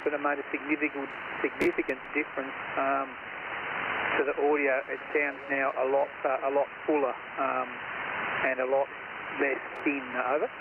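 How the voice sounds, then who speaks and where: A man with a slightly high voice comes through a shortwave ham radio link, squeezed thin and tinny. Heavy hiss sits under every word. He talks in a relaxed, halting way, full of small pauses, like a radio operator trading reports. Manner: easygoing, halting with fillers, ends turns with "over". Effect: heard over a shortwave ham radio link, narrow and hissy. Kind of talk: radio contact exchange.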